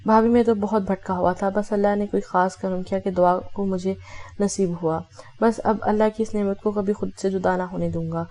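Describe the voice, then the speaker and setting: A woman's voice: mid-range voice, fairly even intonation, warm tone. A woman reading a romance novel aloud, voicing every character in her own voice with small self-corrections. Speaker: audiobook narrator.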